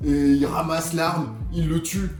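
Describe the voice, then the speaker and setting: A man chatting casually about a film, animated and quick to laugh. He jumps up into a high mocking voice to quote lines. His voice rings in an echoey room, with music playing behind. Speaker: film reviewer. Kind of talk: casual chat.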